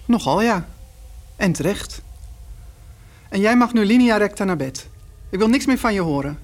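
An actress playing a mother who talks in a firm, calming manner and scolds her son. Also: mid-range voice, moderate pace, lightly acted. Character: stern but calm mother of a boy.

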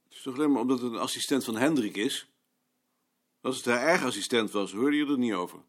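A man's voice: mid-range voice, fast talker, close to an everyday voice. An actor playing a blunt, stubborn male office colleague who speaks dismissively. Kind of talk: drama acting.

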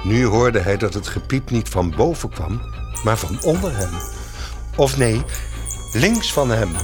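A man narrating a scripted children's story in an expressive, gentle storytelling way. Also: on the low side, a little slow, music in the background.

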